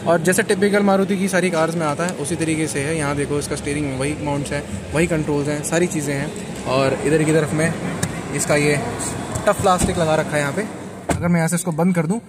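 In a busy indoor auto expo hall, a man with a slightly high, steady voice talks fast as he casually shows off new cars, chatting directly to his viewers and calling them brother. Loud crowd noise fills the background.

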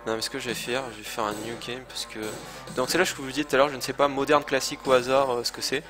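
A man's voice: mid-range voice, fairly even intonation, fast, music in the background. Chatty, self-mocking male game streamer. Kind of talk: casual live gameplay commentary. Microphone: desk microphone, speakers playing game sound.

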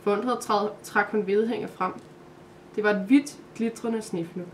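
A woman narrating a Christmas calendar story aloud, in a calm, steady way. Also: mid-range voice, slight background noise.

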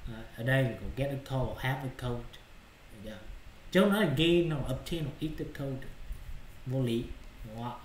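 A man's voice: mid-range voice, moderate pace, reverberant, slight background noise. A male English teacher explaining exercise answers in Vietnamese, often checking whether students follow. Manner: repeats checking questions to students.

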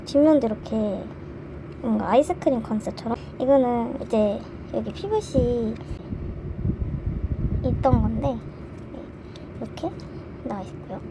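Young woman, high voice, excitable unboxing vlog chatter, noisy background. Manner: excitable, gasping and squealing over merch. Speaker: vlogger.

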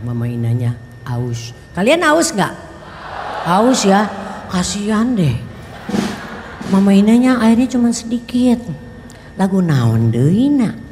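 A woman's voice: mid-range voice, big-room sound, a little hiss or hum. An older woman singer chatting with her audience from a festival stage, teasing and laughing, with a live band behind her. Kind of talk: playful stage banter with the crowd. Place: concert stage at a music festival. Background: live band music.

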